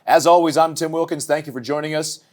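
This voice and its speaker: A man's voice: a little high, steady tone, fast talker, darkish tone. A man hosting an interview show, talking casually and asking questions in a friendly way. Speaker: host.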